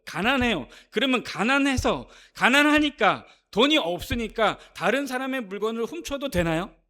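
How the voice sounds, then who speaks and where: A man preaching from the pulpit in a high, bright voice that leaps up and down as he drives each point home. He presses the congregation with one rhetorical question after another. It is the forceful delivery of a pastor in full stride. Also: very animated, normal speed. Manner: emphatic, asks the congregation many rhetorical questions. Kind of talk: Sunday sermon. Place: church sanctuary.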